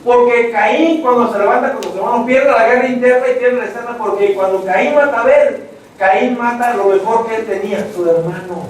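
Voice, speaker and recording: A very high, brisk male voice carries an evangelistic sermon, with slight background noise. Speaking to his "hermanos" in church, he dramatizes stories and performs different voices, captured from a distance in an echoey hall.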